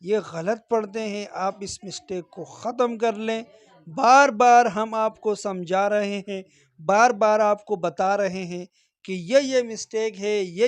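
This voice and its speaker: A man teaching Quran recitation in a stern, corrective lesson, drawing out each demonstrated phrase slowly and repeating his points insistently. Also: high-pitched.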